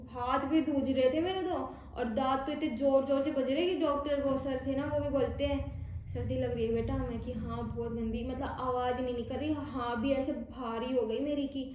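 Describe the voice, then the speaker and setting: A young woman with a Rajasthani accent tells a personal story in a loose, chatty way, acting out what others said and often calling her listeners "bhai". Her voice sits high. It rings through a very echoey room over a faint hum of ambient noise. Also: a little mellow. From India. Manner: chatty, retells dialogue, frequent "bhai". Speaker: vlogger. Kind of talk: casual storytelling.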